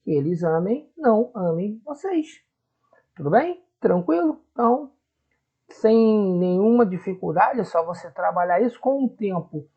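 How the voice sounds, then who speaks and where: A man's voice: high-pitched, lively intonation, a little slow. A man with a Rio de Janeiro accent teaching Portuguese grammar in a video lesson, patiently repeating the verb forms and checking in with the viewer. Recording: husky voice, dull lo-fi sound.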